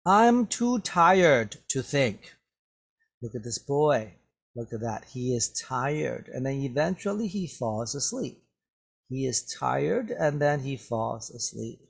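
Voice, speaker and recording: A man's voice: mid-range voice, lively intonation, unhurried, vocal fry, darkish tone, husky. A man teaching English, reading a story aloud to students and explaining the words, patiently repeating each one several times into a webcam.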